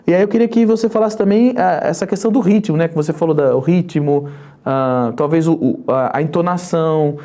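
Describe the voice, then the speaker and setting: Full of fillers and false starts, a hesitant host leads a guest through a conversational podcast interview using careful, guiding questions. The tone is mellow and dark, pitched in the middle range.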